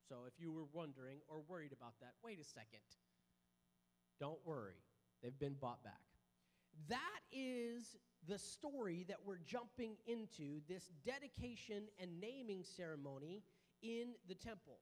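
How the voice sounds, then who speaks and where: A man's voice: sits high, lively intonation, a little slow. A man preaching a sermon in an informal, conversational way, speaking directly to his congregation in a large hall. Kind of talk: sermon to a congregation with children, with call-and-response. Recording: long hall reverb.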